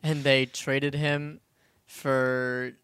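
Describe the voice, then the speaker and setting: A man on a casual sports podcast with a smooth, clear voice. He talks with eager energy and reads statistics aloud on a dry, close mic. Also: medium pitch, flat delivery, a bit bright, no room sound. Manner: quick, enthusiastic, reads stats aloud. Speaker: podcast co-host.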